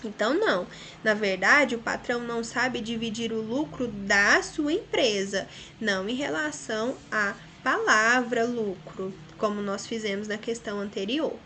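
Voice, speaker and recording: A woman's voice: a little high, normal speed, pushed and bright, a little hiss or hum. A Brazilian woman teacher giving a recorded school lesson, explaining patiently and often checking with tag questions. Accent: Brazilian Portuguese.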